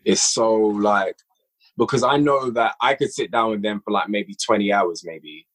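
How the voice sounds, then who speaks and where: An audio drama writer and director speaks as a podcast guest in a voice on the low side, a bit bright, at a moderate pace, heard through a rough recording. It's a casual interview in which he reflects on his craft and repeats phrases for emphasis.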